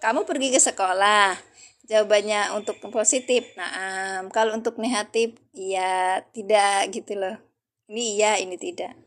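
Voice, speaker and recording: A woman, teaching Arabic grammar on a live stream. She talks casually, answers viewers as she goes and slows down to spell out the examples. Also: medium pitch, steady tone. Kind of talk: casual livestream lesson.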